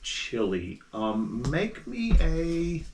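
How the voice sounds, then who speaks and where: A man's voice: fairly high pitch, wildly swooping pitch, extremely slow, over music. Man narrating as game master, roomy. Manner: casual, filler-heavy, chatty narration. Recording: roomy with faint noise.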